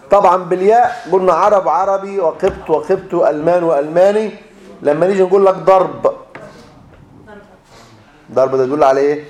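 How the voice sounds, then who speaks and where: A man's voice: a little high, a little mellow. Egyptian man drilling a grammar class. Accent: Egyptian Arabic. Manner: drills students with repeated fill-in questions, then answers himself. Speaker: grammar teacher. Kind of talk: classroom lecture. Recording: echoey room.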